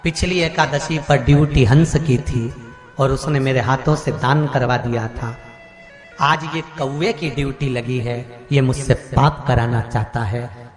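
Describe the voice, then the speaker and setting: A man voicing a stern, righteous male lion king, speaking slowly and solemnly, low below his own voice, in an echoey hall with loud music behind. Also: steady tone, natural voice.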